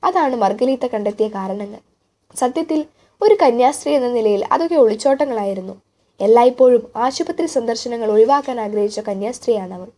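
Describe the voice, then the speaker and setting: A woman reading a literary novel aloud as an audiobook narrator, with measured, expressive storytelling. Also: a little high.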